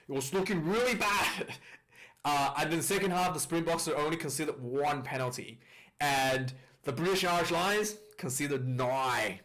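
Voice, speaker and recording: A man's voice: fairly high pitch, fairly bright tone. A man casually reviewing a rugby match, rambling with fillers and restarts, recorded on a distorted, clipping mic. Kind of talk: casual video commentary.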